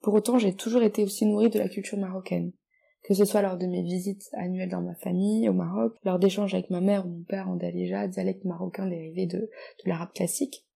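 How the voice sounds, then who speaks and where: A woman's voice: medium pitch, flat delivery, a little fast, creaky, dark tone, slightly rough. A woman in her twenties from France, reading her own reflective text and then speaking as a guest with hesitant restarts. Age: 20s. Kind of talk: reading own poetic text, then casual interview talk.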